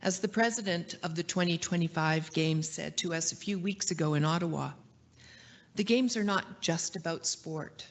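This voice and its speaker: A Canadian woman executive giving a formal meeting address and answering shareholder questions in a measured, gracious way. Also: lowish voice. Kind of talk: formal speech, then live Q&A. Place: meeting hall.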